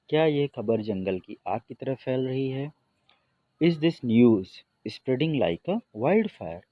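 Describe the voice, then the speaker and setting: A man teaching an English grammar lesson in Hindi, reading the English example sentences slowly and deliberately. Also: mid-range voice, no room sound, highs cut off.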